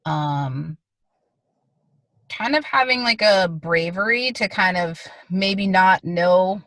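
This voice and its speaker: Low, slow-talking woman in a car. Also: fairly bright tone, no echo, low-quality recording. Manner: hesitant, many likes and kind-ofs. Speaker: guest artist. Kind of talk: casual interview answers. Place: her car. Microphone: video call.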